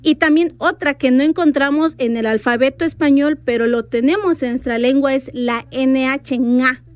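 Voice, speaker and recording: A woman from Veracruz, Mexico, talks on the radio about the writing rules of her native Zoque, patiently spelling out words. She speaks at a moderate pace in a high voice.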